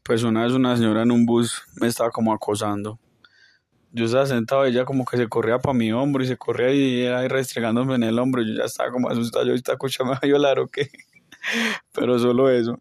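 A young man, co-hosting a casual podcast in a relaxed way and often hedging with filler words. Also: medium pitch, fast talker, dry recording, studio quality. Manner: relaxed, hedging with frequent "pues". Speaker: podcast co-host.

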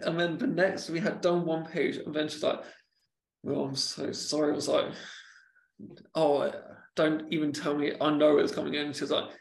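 In an echoey room, a podcast guest with a stammer chats informally, halting and doubling back on words while talking about the stammer itself. He has a gravelly, somewhat high voice with an even, flat pitch.

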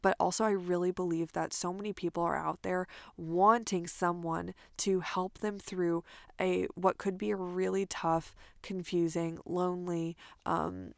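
A woman's voice: on the low side, little pitch movement, a little slow, vocal fry, no room sound, clean studio sound. A woman career coach hosting her own podcast, talking in an earnest, upbeat way with lots of fillers and restarts. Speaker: podcast host. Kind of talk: casual solo podcast monologue.

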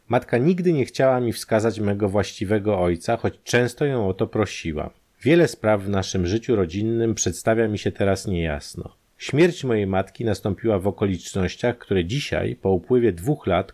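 A man's voice: lowish voice, lively intonation, moderate pace, hardly any pauses, darkish tone. A man voicing a distraught young woman who pleads earnestly and urgently in an audiobook. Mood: earnest pleading.

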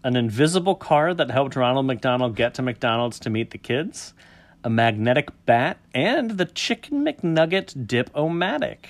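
A man hosting a loose podcast conversation reads down a list one entry at a time. He breaks it up with quick jokes and offhand comments. His voice sits in an ordinary middle pitch. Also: very animated. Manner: reads entries aloud with quick joking asides. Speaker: podcast host. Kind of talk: casual podcast chat.

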